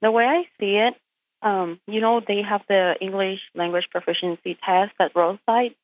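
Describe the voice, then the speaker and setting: This woman, a truck driver from Puerto Rico with Spanish as her native tongue, is being interviewed by phone. Her mid-range voice stays steady at a moderate pace, with a little hiss or hum over a tinny line. She makes her argument head-on and emphatically, peppering it with rhetorical questions.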